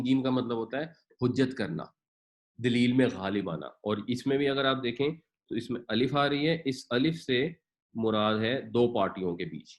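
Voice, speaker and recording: Man teaching a Quran lesson. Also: medium pitch. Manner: explains patiently, drawing out Arabic words slowly to teach pronunciation; mixes English words into his speech. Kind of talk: Urdu Quran lesson with word-by-word translation.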